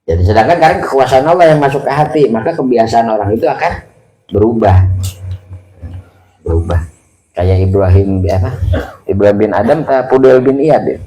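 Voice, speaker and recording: A man's voice: medium pitch, lively intonation, fast talker, dark tone. A man giving a casual sermon, explaining Arabic phrases line by line in a colloquial way. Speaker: religious teacher. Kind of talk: casual sermon teaching from a kitab. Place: mosque study gathering. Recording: roomy hall with faint ambience.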